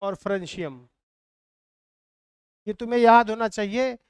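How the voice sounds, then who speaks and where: A teacher leads a live online class, calling out lists and making students chant them back. The voice is smooth and crisp, recorded dry and close. Mnemonics are sung out slowly, line by line. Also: medium pitch, a little mellow, no echo. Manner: drills students in call-and-response recitation.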